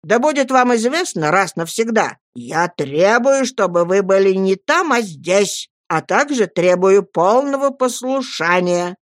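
A woman reading a story aloud, voicing a cold, domineering stepfather who speaks slowly and sternly. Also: mid-range voice, animated, no room sound, clean studio sound, natural voice. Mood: commanding. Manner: slow, cold, commanding.

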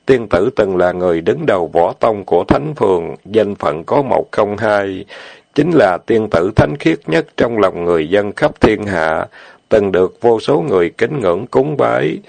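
A man narrating an audiobook novel in a steady, plain reading. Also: fairly low pitch, normal speed, gravelly, dry recording. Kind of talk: storytelling narration.

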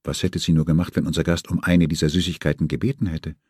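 A man's voice: rumbling low, fairly even intonation, quick pace, a little mellow, husky, dry recording, clean studio sound. A man reading a German novel aloud as an audiobook, telling the story expressively. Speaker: audiobook reader. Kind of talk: scripted narration.

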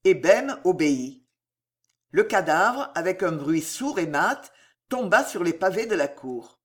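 An audiobook reader narrating a dramatic historical novel in a slow, expressive storytelling manner. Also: mid-range voice.

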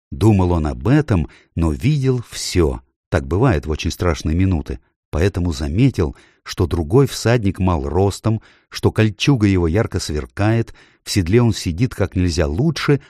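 A man reading a children's fantasy story aloud as an expressive narrator. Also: sits low, no echo, clean studio sound. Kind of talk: audiobook reading.

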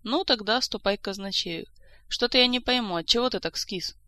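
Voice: medium pitch, fairly quick, bright, forceful tone, no room sound, natural voice. An audiobook reader voicing a joking, playful young king from a fantasy tale. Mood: brisk. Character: jovial teasing young male king.

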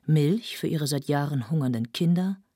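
Husky woman narrating an audiobook. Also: low-pitched, moderate pace, warm tone, no echo, studio quality. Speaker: audiobook reader.

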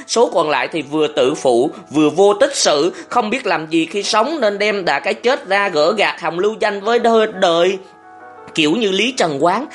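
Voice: mid-range voice, voice pushed up, lightly acted. A narrator voicing a young male scholar-aide who speaks in bitter, heated outbursts in an audiobook. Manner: heated, raised voice, fast outbursts. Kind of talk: audiobook character voice.

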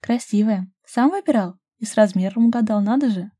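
A woman voicing a playful, teasing young woman in love, speaking high and loud in an audiobook. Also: brisk, husky, dry recording, natural voice. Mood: eager.

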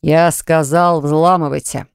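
A domineering, jealous man, as the reader puts him on, barking orders and accusations at the people around him. The voice is smooth and crisp. It is set close and dry, as in an audiobook. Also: fairly high pitch, steady tone, takes it slowly, dry recording. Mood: commanding. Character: jealous, domineering male hotel owner, adult. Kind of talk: audiobook character voice.

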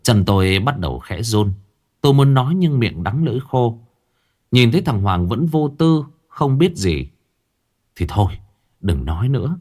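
Lively male ghost story narrator. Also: mid-range voice, normal speed. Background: faint background music.

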